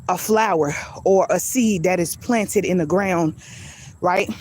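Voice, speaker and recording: A woman's voice: medium pitch, a little mellow. A woman hosting a live faith message outdoors on her daily walk, talking into her phone, out of breath and preaching with building repetition. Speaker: faith channel host. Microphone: handheld phone.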